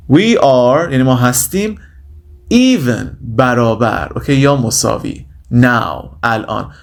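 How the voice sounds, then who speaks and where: A man teaching English phrases in a casual lesson, saying each phrase slowly and then explaining it quickly and warmly to his viewers. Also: medium pitch.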